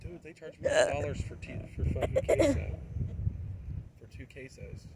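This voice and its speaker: A man's voice: on the high side, wildly swooping pitch, normal speed. A man chatting casually and bluntly outdoors. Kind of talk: casual chat. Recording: loud outdoor traffic noise.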